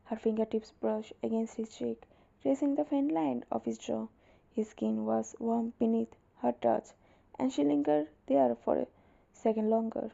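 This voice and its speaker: A woman reading romantic fan fiction aloud in a soft, unhurried storytelling manner, on a dull lo-fi recording. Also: a little high, creaky. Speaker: narrator. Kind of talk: scripted fan fiction narration.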